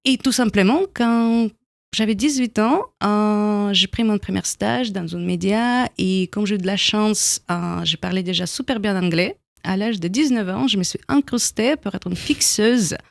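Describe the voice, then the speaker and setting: Appearing as a guest on a radio interview, a documentary filmmaker in her thirties speaks French with a Russian accent in a medium-pitched, gravelly voice full of vocal fry. She answers thoughtfully at a measured, halting pace, pausing often to search for words and making small grammar slips. The radio studio sound is dry and close, with no echo.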